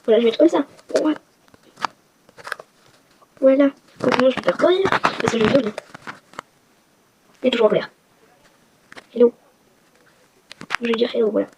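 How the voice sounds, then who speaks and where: A woman with a slightly high voice talks at normal speed, with long pauses, while hosting a casual game walkthrough vlog. She is chatty and rambling, tossing in self-mocking asides. The recording is noisy, with clicking sounds.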